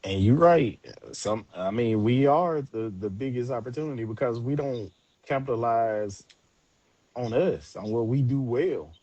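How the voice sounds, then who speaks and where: Male live-show host, warm dark tone, casual but emphatic and encouraging, dry recording. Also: mid-range voice, a little slow, no room sound, highs cut off. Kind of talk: casual chat.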